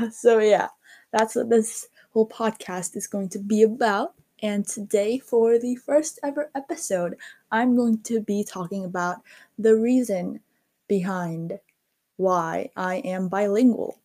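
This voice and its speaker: Teen girl from korea doing a chill podcast, slow and warm, lots of ums and likes. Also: mid-range voice. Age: teens. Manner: chatty, lots of fillers like "um" and "like". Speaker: podcast host. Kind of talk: casual solo podcast monologue.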